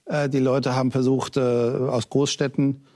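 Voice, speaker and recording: Male talk show guest from Iran, mid-pitched, measured and halting, numbers his points. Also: flat delivery, warm tone, dry recording, clean studio sound. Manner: hesitant, many fillers, structured points. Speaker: politician guest.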